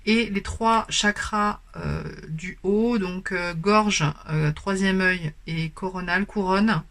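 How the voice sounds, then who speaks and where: A woman talks through a tarot card reading at an unhurried, unrushed pace. She explains gently and stops often for hesitant fillers. She speaks to a camera on a stand. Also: medium pitch, steady tone. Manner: hesitant, many filler pauses. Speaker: tarot and oracle card reader. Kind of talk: spoken card-reading guidance.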